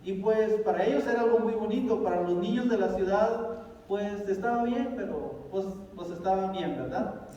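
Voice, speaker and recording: Preacher telling a story in an echoing hall. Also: male voice, sits high, normal speed, mellow. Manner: conversational, asks the audience questions. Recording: echoey hall from far off, dull sound.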